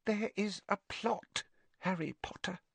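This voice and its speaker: A man voicing a small, anxious, servile male house-elf in a squeaky, strained voice, speaking of himself in the third person. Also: a little slow, dry recording. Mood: urgent. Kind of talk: audiobook character voice.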